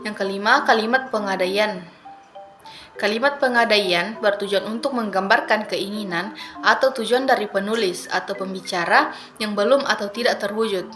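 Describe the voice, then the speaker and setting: A young woman, a university student, reading her assignment aloud as a steady, methodical class presentation, working through definitions and numbered lists. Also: mid-range voice, moderate pace, soft background music. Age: young adult.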